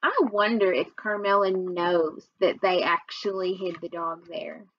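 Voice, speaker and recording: A young adult woman reads a children's book aloud in a small room at home, recorded on a webcam. Her voice is on the low side with fairly even intonation, her pace unhurried, and the recording sounds muffled.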